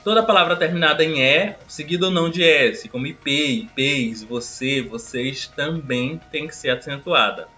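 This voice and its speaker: Male teacher, bright voice, careful step-by-step delivery, lo-fi track with faint music under it. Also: fairly high pitch. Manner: explains step by step, stretches example words slowly. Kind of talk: recorded grammar lesson.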